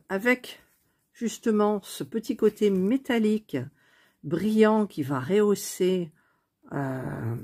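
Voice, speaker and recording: Woman crafter, low husky voice, slow and soft, casual thinking-aloud tutorial, phone mic. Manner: chatty, thinking aloud while working; speaks softly near the phone. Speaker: cross-stitch crafter. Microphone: phone on a stand.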